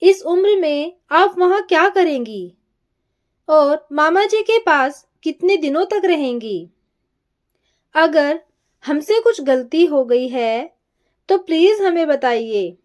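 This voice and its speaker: A woman voicing a gentle young daughter-in-law who pleads softly in a story reading. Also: high voice, expressive, takes it slowly. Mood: pleading.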